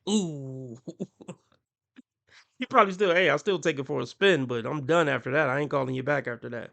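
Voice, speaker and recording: A fairly high-pitched man with a gravelly, raspy edge runs a reaction commentary. His voice is bright and forceful, and he talks with a mocking tone. He laughs often and puts on voices to quote people. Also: normal speed. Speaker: commentary channel host.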